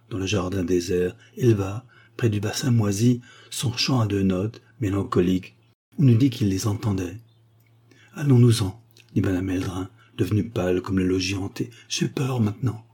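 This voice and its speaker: A man reading a literary story aloud as an audiobook narrator, measured and dramatic. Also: lowish voice, dark tone, husky.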